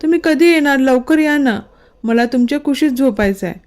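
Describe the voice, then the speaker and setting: A woman doing a sulky young wife, gets upset fast then pleads, kinda high voice. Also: animated, darkish tone. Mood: pleading. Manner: pleading, quick to anger. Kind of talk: storybook reading.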